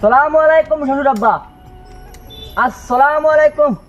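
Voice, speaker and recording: An actor with a Sylheti accent playing a greedy, shameless young son-in-law who whines, pleads and repeats himself. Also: male voice, sits high, sing-song, moderate pace, a bit bright, soft background music, heavily acted. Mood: pleading. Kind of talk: regional comedy drama acting.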